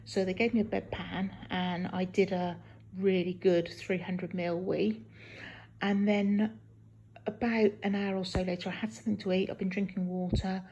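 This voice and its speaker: A woman talking casually in a halting video diary from a hospital room, sounding weak and tired and in some pain hours after surgery. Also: medium pitch, little pitch movement, dark tone, muffled recording, slight background noise. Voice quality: husky, creaky. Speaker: patient recording a post-op video diary.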